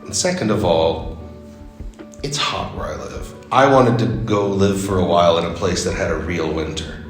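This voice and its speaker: Teacher from Texas, lowish voice, relaxed interviewee, music and echo. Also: male voice, moderate pace. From Texas, USA. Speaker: English teacher. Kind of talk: casual interview answers. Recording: echoey room with music underneath.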